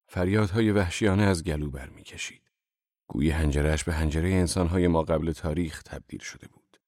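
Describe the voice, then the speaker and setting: Brief: low-voiced man reading literary fiction, measured, dry close sound. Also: a little mellow, no room sound. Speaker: narrator. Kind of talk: audiobook narration.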